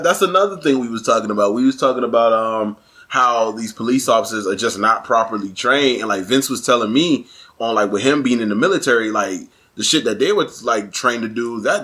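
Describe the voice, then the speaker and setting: A man's voice: medium pitch, expressive, brisk, sharp tone. A young adult man, co-hosting a casual podcast, laughing often and retelling stories with animation. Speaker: podcast co-host. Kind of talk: casual chat.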